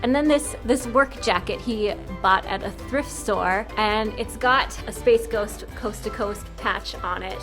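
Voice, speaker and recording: A woman's voice: mid-range voice, measured pace, few pauses, over music. A woman hosting a personal vlog, talking in a casual, chatty way. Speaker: vlog host.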